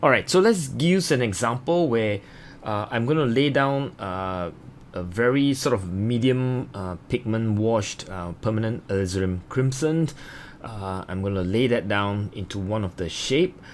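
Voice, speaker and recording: A man's voice: lowish voice, unhurried, a little hiss or hum. A man giving a casual watercolor tutorial as an art instructor, explaining in an informal, hesitant, meandering way.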